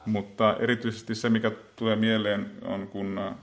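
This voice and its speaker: A man giving an unscripted Bible talk, speaking haltingly and filling pauses with many small filler words and restarts. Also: on the low side, little pitch movement. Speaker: Bible teacher.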